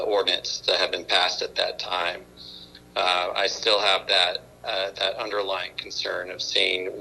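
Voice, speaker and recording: A mayor calling in over a phone speaker at a council meeting, talking hesitantly with many restarts and fillers. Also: male voice, sits low, creaky, sharp tone, rough recording.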